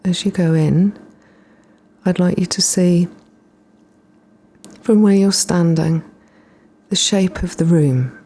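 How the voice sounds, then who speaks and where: Woman, deep gravelly-edged soft voice, near-whispered at times, soothing guided meditation narrator. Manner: soothing, gently instructing, unhurried pauses. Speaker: guided relaxation practitioner.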